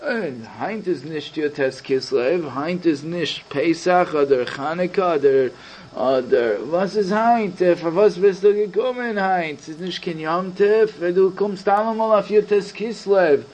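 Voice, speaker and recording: A man's voice: high voice, a little slow, darkish tone. A man doing a chatty, fussy secretary. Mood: warm greeting. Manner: rambling, teasing questions. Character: chatty, friendly male secretary, fussy and jokey.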